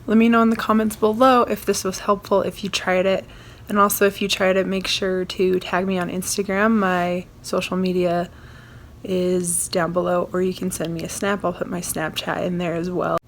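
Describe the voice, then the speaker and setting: Young woman vlogger w/ a sick froggy croaky voice, lots of creak, chatty, faint noise behind. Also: fairly low pitch, little pitch movement, normal speed. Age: young adult. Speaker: video host. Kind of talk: casual chat to viewers.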